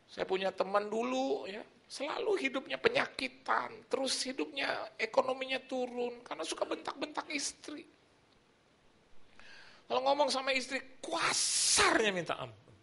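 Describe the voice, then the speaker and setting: A middle-aged man preaching a sermon in church. His voice sits high for a man and has a bright, gravelly edge. He swings his tone widely as he acts out the people in his anecdotes. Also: moderate pace. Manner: animated, acts out quoted people. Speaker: pastor. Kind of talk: sermon with storytelling.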